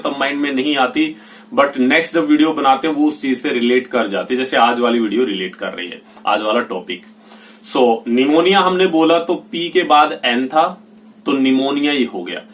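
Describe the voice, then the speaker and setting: A male teacher giving a spoken grammar lesson, slowly reading out English example sentences one by one. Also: mid-range voice, fairly bright tone, far from the mic. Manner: explains slowly, reads English examples out deliberately. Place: indoors with rain heard outside. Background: rain.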